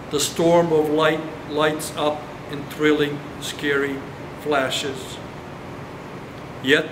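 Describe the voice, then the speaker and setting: A man from Brazil reading his own poetry aloud in a slow, measured recital. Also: on the high side. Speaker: poet. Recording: echoey hall with air-conditioning hum.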